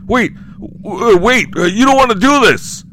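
A man acts out a cowardly, selfish man in a horror story. His voice jumps high and strained, loud and frantic with panic. Noise sits behind it. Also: animated, measured pace. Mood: pleading.

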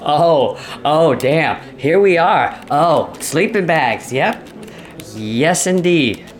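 A man's voice: fairly high pitch, expressive, drawn-out words. A man playing a baffled male coworker who stammers awkwardly and humors a colleague. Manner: awkward, stammering, laughing along.

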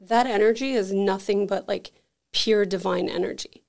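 A woman's voice: medium pitch, normal speed, gravelly. A woman who runs an energy healing center, telling anecdotes in casual, chatty talk full of "like" as a podcast guest. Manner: chatty, peppered with "like", animated anecdotes. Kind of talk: casual conversational storytelling.

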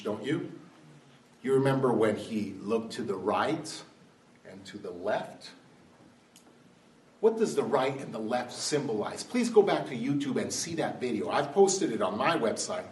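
A man's voice: mid-range voice, lively intonation, moderate pace, darkish tone. A man giving an impassioned political talk to a live audience, firing rhetorical questions and climbing to emphatic peaks. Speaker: speaker addressing an audience. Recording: roomy hall, far-off mic, faint ambience.

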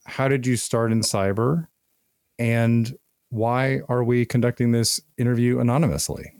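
A man's voice: medium pitch, measured pace, a little mellow, dry recording, clean studio sound. A man hosting a podcast, introducing the episode and putting questions to a guest. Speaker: podcast co-host, interviewer.

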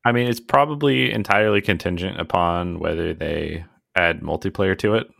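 A man's voice: sits low, normal speed, vocal fry, fairly bright tone, no room sound, studio quality. A man co-hosting a podcast, chatting casually in a self-deprecating way and laughing often. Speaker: podcast co-host. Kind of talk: casual chat.

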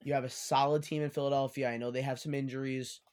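This chatty Long Island podcast host keeps the segments moving on his casual sports show with friends, trading takes as he goes. His medium-pitched voice is fast and flat in delivery, a little mellow, clear, and resonant.

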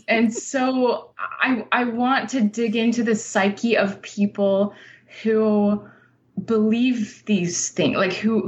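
A woman with a mid-range voice, recorded with muffled sound, is a guest in a casual conversational interview. She's a writer speaking in an earnest, informal and reflective way.

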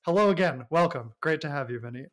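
A man's voice: on the high side, expressive, fast, fairly bright tone. A man hosting a podcast, introducing and questioning a guest in a friendly way, often laughing. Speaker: podcast host. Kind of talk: interviewing a guest.

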